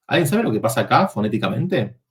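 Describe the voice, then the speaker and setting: A man's voice: medium pitch, sing-song, fast. A man teaching a university Latin workshop, explaining verb forms step by step and checking in with the students.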